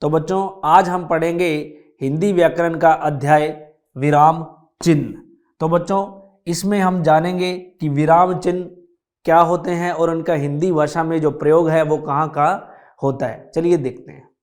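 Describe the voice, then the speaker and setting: A man teaching a grammar lesson to children, explaining slowly and repeating key points as he addresses them directly. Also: fairly high pitch, steady tone, a little mellow. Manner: slow, repetitive explaining, addresses children often.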